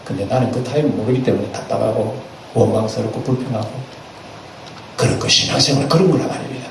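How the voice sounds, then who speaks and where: A man, preaching a sermon as senior pastor. He talks in a lively way, asks the congregation questions and acts out little asides. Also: medium pitch, fast talker, creaky. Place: church sanctuary. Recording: echoey church hall, picked up from a distance, faint room noise.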